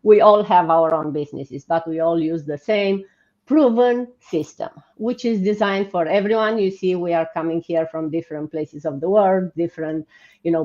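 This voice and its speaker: A Romanian woman with a Romanian accent hosts an informal livestream, speaking encouragingly in a lowish, darkish voice. The audio is muffled and band-limited, typical of an online stream.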